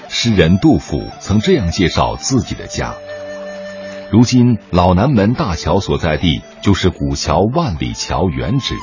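A man narrates a television documentary in a deep, low voice, his pitch rising and falling expressively. His delivery is measured and storytelling. The audio is slightly dull, with soft music behind him. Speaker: news narrator.

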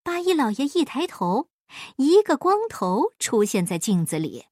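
A woman reads a children's folk tale aloud in an expressive, measured way. Her fairly high voice rises and falls widely at an unhurried pace. The recording is dry and close. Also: no echo. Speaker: storyteller. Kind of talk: children's story reading.

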